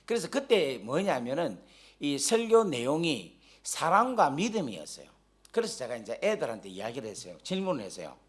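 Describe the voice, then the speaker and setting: A man preaching a sermon, telling stories animatedly, joking with the congregation and rising to shouts when stirred. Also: on the high side, very animated, normal speed, husky. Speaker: guest pastor. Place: church sanctuary during a live service.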